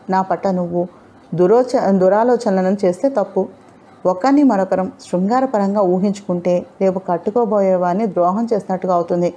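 A woman's voice: medium pitch, mellow, natural voice. A woman narrator voicing a playful, spirited young woman in love who teases and speaks from the heart. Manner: teasing, then openly heartfelt.

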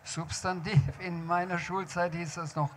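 Brief: an author reading a shy, polite storybook gentleman, mild and modest. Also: high-pitched, little pitch movement, measured pace, a little hiss or hum, voice pushed up. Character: modest, courteous grown-up male lodger.

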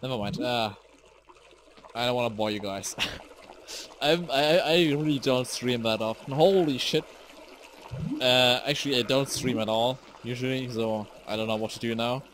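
A young man streaming a game live, rambling casually, easily startled, swearing and shouting at enemies. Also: mid-range voice, normal speed, a little hiss or hum. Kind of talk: live gameplay commentary.

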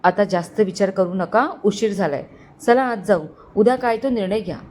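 A woman's voice: mid-range voice, normal speed, a little mellow, a little hiss or hum, close to an everyday voice. A woman narrator voicing a young married woman who speaks in an emotional, pleading way. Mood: hurt, earnest.

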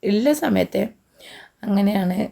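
A woman's voice: mid-range voice, a little slow, vocal fry, mellow. A woman, short of breath, chatting homely through a casual cooking vlog. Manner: chatty, homely, frequent tag particles. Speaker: cooking vlogger.

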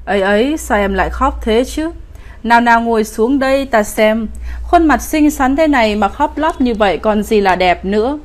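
A woman's voice: fairly high pitch, moderate pace, natural voice. Woman reading as a cruel old village lord. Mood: falsely sweet. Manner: bullying and commanding, falsely sweet when coaxing. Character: lecherous, cruel old male village official. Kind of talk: storytelling dialogue in a ghost story.

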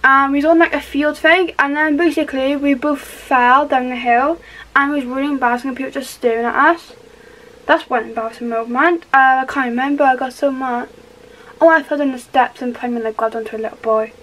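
High-voiced chatty Welsh teen girl. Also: fairly even intonation, brisk, a bit bright, rough recording. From Wales. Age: teens. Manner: chatty, rambling, upbeat. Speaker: vlogger. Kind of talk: casual get-ready-with-me chat. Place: small bedroom indoors.

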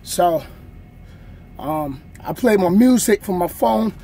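A trucker in his thirties talks in a high-pitched, gravelly voice against slight background noise as he shows viewers a bunk workout in his sleeper cab. His relaxed, slow vlog chat is recorded on a nearby phone camera on a stand.

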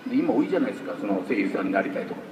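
A man talking casually on stage at a live talk event, telling stories in a chatty way. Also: rapid-fire. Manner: chatty, storytelling, lively pitch swings. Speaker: voice actor guest at a talk show. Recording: echoey hall, far from the mic, faint hiss.

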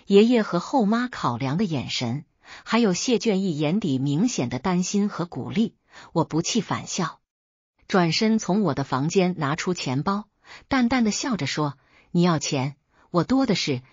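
A woman's voice: on the low side, sing-song, normal speed, slightly rough, dry recording, dull audio. A woman reading a first-person family story aloud as narrator.

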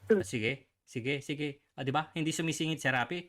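A man giving casual reaction commentary. His voice sits a little high, and he keeps slipping in teasing, sarcastic asides. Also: a little fast, a bit bright. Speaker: online commentator.

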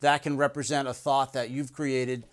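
A man's voice: medium pitch, flat delivery, normal speed. A middle-aged man hosting an interview in a studio, complimentary and enthusiastic. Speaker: host. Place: studio set, indoors.

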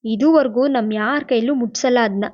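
A woman's voice: a little high, normal speed, close to an everyday voice. A woman voicing a playful young man who teases the family. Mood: teasing. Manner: teasing. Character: joking young man, playful brother-in-law. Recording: dull lo-fi recording.

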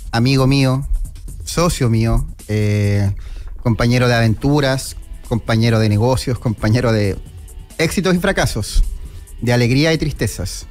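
A middle-aged Chilean radio host delivers a solemn, respectful tribute in a measured, medium-pitched voice, partly reading aloud. He's close on a broadcast mic with headphones in a small indoor studio, with music playing in the background.

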